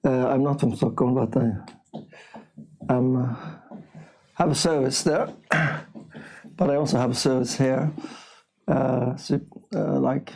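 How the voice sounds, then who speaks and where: An older man from Norway with a Norwegian accent, giving an informal spiritual class in a small bright room, speaking haltingly with frequent throat-clearing. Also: medium pitch, fairly even intonation, low-quality recording. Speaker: visiting speaker.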